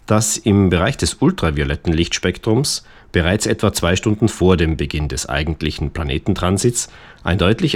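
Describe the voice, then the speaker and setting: A man reading scripted science news in a formal manner as a podcast presenter. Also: low voice.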